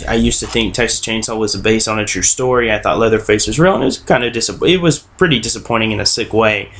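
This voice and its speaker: A young American man speaks at a middle pitch, slightly under the weather with a sore throat. He talks casually to the viewer as host of a web series, often stopping to correct himself. He is indoors at a computer mic. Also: slight background noise. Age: young adult. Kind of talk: casual vlog talk. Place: bedroom, indoors. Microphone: webcam or computer mic at desk distance.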